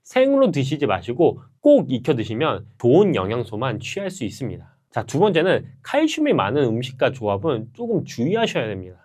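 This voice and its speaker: A man's voice: mid-range voice, a little mellow. A man narrating a scripted health and recipe video in a polite, instructive tone aimed at older viewers.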